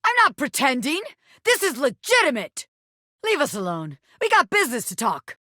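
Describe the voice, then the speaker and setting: A brash little bobby pin who fancies itself a criminal mastermind for a video game. The voice sits fairly high and swings widely in pitch, with a sharp, forceful edge. It talks like a cocky, flirty wiseguy running a scam. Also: female voice, wildly swooping pitch, moderate pace, no room sound, clean studio sound, full character voice. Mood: indignant, exasperated. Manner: cocky, street-tough wiseguy talk full of slang. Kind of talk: animated video game character acting.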